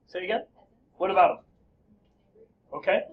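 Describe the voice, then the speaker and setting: Male teacher, lively and joking, high voice, slightly muffled classroom recording with faint hiss. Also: normal speed. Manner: lively, joking, quizzing students. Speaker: high school history teacher. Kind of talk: classroom lecture.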